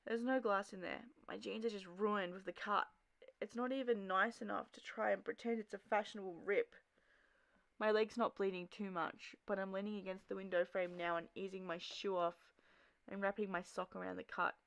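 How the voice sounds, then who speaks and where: A woman voicing a gravelly teen girl. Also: medium pitch, steady tone, moderate pace, a bit bright, no echo. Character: troubled teenage girl graffiti artist, restless. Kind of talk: first-person audio drama narration.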